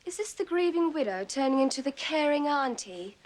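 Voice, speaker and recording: A woman's voice: high-pitched, lively intonation, fairly quick, a little mellow. An actress playing a prickly, sarcastic young woman in a television drama. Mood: defiant sarcasm. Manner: curt, sarcastic. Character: defiant, prickly young woman with sharp tongue.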